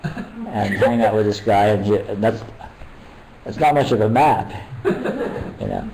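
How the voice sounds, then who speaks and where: Older man rambling gently, low mellow voice. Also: expressive, gravelly, a little hiss or hum, rough recording. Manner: rambling, halting, many restarts. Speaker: meditation teacher. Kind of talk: casual retreat talk.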